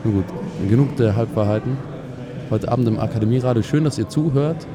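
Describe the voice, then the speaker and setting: A man's voice: medium pitch, brisk. A man hosting a student radio broadcast live, announcing in a dry, wry way with improvised asides. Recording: loud crowd noise behind. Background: crowd chatter.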